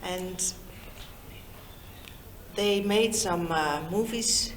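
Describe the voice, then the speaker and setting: A woman's voice: on the low side, echoey room, a little hiss or hum. A woman in her fifties, a native Dutch speaker, giving an informal, chatty talk to a group of young people and drawing them in with questions. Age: 50s. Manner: slow, warm and chatty, draws in her listeners. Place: meeting room in Lusaka.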